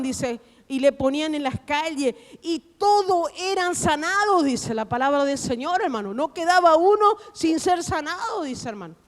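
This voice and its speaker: A woman with an Argentine Spanish accent, preaching a fervent sermon in a church hall. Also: high-pitched. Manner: fervent preaching, rising to loud exhortation.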